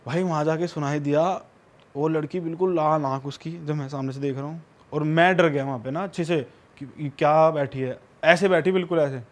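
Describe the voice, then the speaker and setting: Male guest, casual rambling storyteller, a bit high-pitched. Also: steady tone, fairly quick. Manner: rambling, conversational, often says "bhai" and "na".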